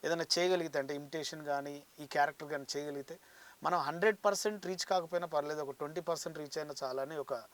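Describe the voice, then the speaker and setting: Guy talking super fast in a studio interview, chatty, tells his story, voice sits a bit high. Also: fairly even intonation, fairly bright tone. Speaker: interview guest, mimicry artist.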